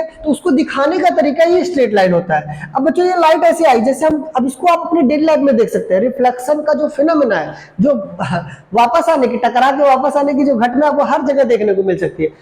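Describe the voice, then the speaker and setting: High-voiced man teaching physics, echoey room. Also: darkish tone. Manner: asks questions and answers them himself; mixes English terms into Hindi speech. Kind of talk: classroom lecture to children. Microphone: camera.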